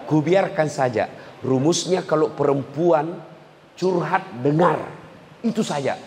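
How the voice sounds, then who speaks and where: A man preaching a humorous sermon, jokey and lively, scolding the crowd in asides and jumping into high outbursts. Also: measured pace, slight background noise. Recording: long hall reverb, faint ambience.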